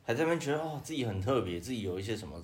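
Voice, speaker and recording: A man's voice: mid-range voice, animated, racing. A man with a Taiwanese Mandarin accent co-hosting a podcast, crudely and self-mockingly telling on himself, swearing often. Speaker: podcast co-host. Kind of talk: casual crude banter.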